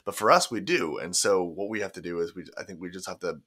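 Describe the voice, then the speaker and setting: A man with a very deep yet bright, forceful voice chats casually as a podcast co-host. He talks in an animated way, laughing easily between thoughts. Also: fast. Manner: animated, laughs often, mimics parents in put-on voices. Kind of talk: casual chat.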